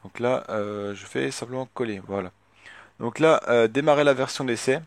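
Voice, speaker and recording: Casting note: man in mid range, casual screen-recording tutor, halting delivery full of fillers, dry close mic. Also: medium pitch, dry recording. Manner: hesitant, many filler words, thinks aloud. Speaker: tutorial youtuber.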